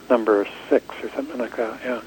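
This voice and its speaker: A man, a publisher being interviewed, chatting in a relaxed way with repeated words. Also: mid-range voice, fast talker, slight background noise, poor audio. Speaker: book publisher and author, interview guest. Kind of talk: casual chat.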